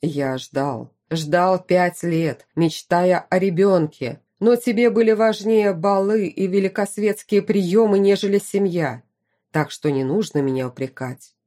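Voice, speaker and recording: A woman's voice: on the low side, measured pace, warm tone, close to an everyday voice. A woman voicing a stern, commanding middle-aged duke and father in an audiobook. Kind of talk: audiobook character reading.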